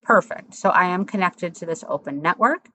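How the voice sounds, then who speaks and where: A woman instructor talking through a software tutorial step by step, in a conversational, explanatory way. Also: fairly low pitch, lively intonation, normal speed.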